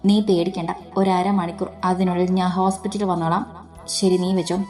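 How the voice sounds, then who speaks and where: A woman reading a gentle young husband. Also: fairly low pitch, level tone, normal speed, soft background music, close to an everyday voice. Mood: tense.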